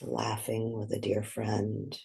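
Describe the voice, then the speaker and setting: A soft, breathy meditation guide speaks in a mid-range monotone. Each short phrase is delivered calmly and slowly, followed by a long pause.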